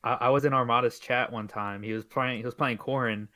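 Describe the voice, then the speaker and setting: A man's voice: mid-range voice, steady tone, brisk, pushed and bright. Laid-back man telling a story. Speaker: podcast co-host. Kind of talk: casual gaming podcast chat and storytelling.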